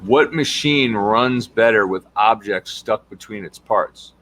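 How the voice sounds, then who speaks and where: A man's voice: on the low side, takes it slowly, fairly bright tone, rough recording. A man, a health coach giving an impassioned monologue full of emphatic rhetorical questions.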